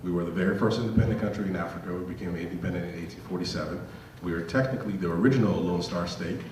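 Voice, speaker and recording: A man's voice: deep voice, slight background noise. A man in his thirties from Liberia, telling his story in a casual, self-deprecating way as a panel speaker at a symposium. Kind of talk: symposium talk. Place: lecture hall. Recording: echoey hall, distant mic.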